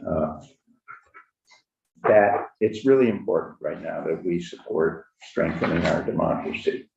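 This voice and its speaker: A man in his eighties giving informal public testimony through a face mask, halting and deliberate, muffled in an echoey room. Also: deep voice, gravelly, darkish tone, slight background noise. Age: 80s. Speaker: witness testifying at a committee. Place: indoor committee room. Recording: distant, dull, echoey room microphone.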